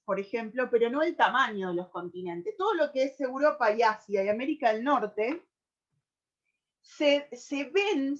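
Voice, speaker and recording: An Argentine woman presenting on a radio program, explaining at length and pausing often on fillers as she gathers her thoughts. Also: on the high side, muffled recording. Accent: Argentine Spanish. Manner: thoughtful, with many hesitations and restarts.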